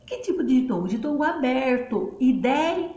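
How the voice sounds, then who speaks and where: A woman's voice: mid-range voice, lively intonation, normal speed, darkish tone, lo-fi sound. A woman teacher, patiently explaining at a board and spelling out syllables in a chatty way. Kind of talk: casual classroom explanation. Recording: roomy, faint background noise.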